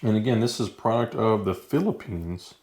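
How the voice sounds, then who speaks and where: Low-voiced easygoing man. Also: moderate pace, darkish tone, slight background noise. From United States. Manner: easygoing, chatty, talks while eating. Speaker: vlogger. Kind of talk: casual food-tasting chat.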